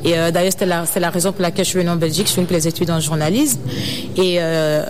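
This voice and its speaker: A woman's voice: fairly low pitch, steady tone, quick pace, over music. Earnest woman from Ivory Coast, hesitant. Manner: earnest, hesitant with many fillers. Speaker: designer and activist guest. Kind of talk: interview answers.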